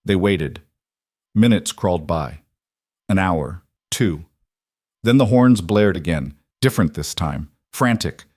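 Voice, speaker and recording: A man giving scripted story narration in an even, dramatic storytelling manner. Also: deep voice, takes it slowly, no echo, clean studio sound.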